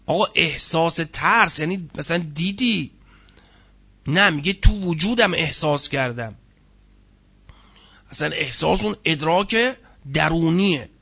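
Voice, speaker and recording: A man's voice: a little high, animated, gravelly, pauses often, pushed and bright, breathy edge, highs cut off. A man giving a religious lecture on Quranic word meanings, explaining each term and asking his listeners rhetorical questions. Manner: explanatory, asks rhetorical questions, stresses key words. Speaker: Quran teacher.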